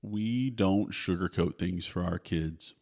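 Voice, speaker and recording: A man's voice: sits low, slow pace, darkish tone. A middle-aged man hosting a podcast, giving candid, down-to-earth parenting advice in a casual way. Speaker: podcast host.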